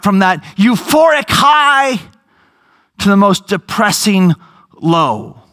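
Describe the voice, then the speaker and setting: A man preaching a sermon, telling a scripture story with emphatic, drawn-out phrases and lively storytelling. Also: very high-pitched. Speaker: pastor.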